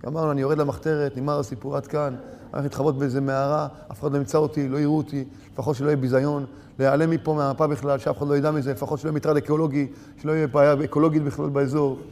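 A despairing religious man ready to give up, as a preacher puts him on, muttering low and hushed in self-pity. His voice sits high for a man and trails into a long hall reverb. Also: level tone, lightly acted.

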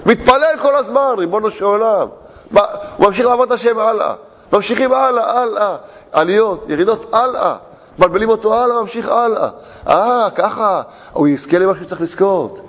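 Animated preaching man, echoing hall. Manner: animated, swings between low murmurs and high exclamations. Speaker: rabbi.

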